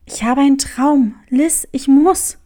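A woman's voice: sits high, slow pace, mellow. A woman voicing an eager, earnest young male hare in a storybook who dreams big. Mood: earnest, pleading.

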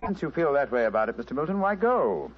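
An actor playing a composed, courteous English gentleman detective, British accented and assured, in an old radio drama. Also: a little high, big pitch swings, a little hiss or hum. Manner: polite, brisk, assured. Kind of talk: 1940s radio drama acting. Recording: dull old radio recording, music behind.

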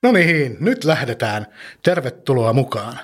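A man hosting a children's podcast, gently telling a story and asking the young listener questions. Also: medium pitch, sing-song, loud music behind the voice.

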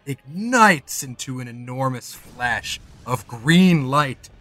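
Bright-voiced man narrating a tabletop game. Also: medium pitch. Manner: halting, repeats words as he improvises. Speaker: game master.

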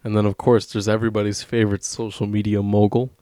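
A man's voice: fairly low pitch, level tone, fast talker, mellow, clear, resonant tone, no echo, clean studio sound. A young man chatting casually on a podcast, rambling and swearing often, with frequent laughs. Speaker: podcast co-host. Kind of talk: casual chat.

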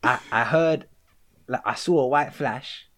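A man's voice: medium pitch, a little slow. A young man with a London accent, chatting casually and telling stories in heavy slang. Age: young adult. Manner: slang-heavy, animated storytelling. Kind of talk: casual chat, storytelling.

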